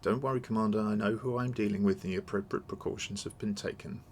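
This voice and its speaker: A man voicing a courteous older nobleman in a video game, measured and formal. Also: lowish voice, steady tone, darkish tone, slight background noise, natural voice. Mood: grateful, solemn. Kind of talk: read-aloud of video game dialogue.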